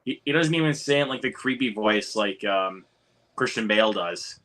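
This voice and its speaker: A man's voice: lowish voice, lively intonation, moderate pace, fairly bright tone. A man giving firm opinions in casual movie chat, often repeating words as he starts.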